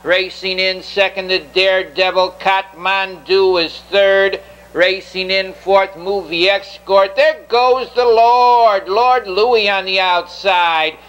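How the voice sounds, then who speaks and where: A man's voice: sits high, fairly even intonation, slow, fairly bright tone, clear, resonant tone, rough recording. A man calling a live horse race, announcing running positions in clipped race-caller phrases.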